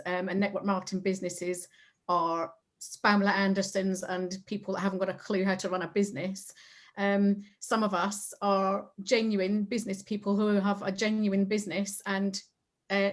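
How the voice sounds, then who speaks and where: A woman from the Highlands, talking casually and emphatically as she answers questions about her business. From Highlands of Scotland. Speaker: franchise business owner.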